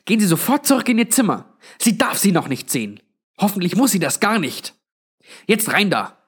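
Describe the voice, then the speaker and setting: Guy doing a stern old granny running a motel, high scolding voice, snaps at everyone. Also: very animated, fast talker. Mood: sharp. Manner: scolding, hissing. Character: stern old woman motel keeper, snappish.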